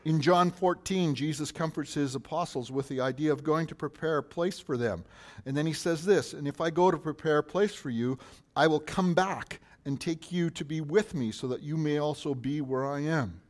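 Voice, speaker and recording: A pastor preaching a sermon, asking questions in a rising voice and answering them more quietly. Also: male voice, on the high side, normal speed.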